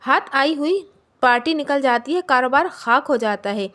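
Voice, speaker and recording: A woman's voice: sits high, animated, moderate pace, fairly bright tone. A woman voicing a short-tempered adult husband who rebukes and insults his wife in a storybook reading. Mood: angry scolding.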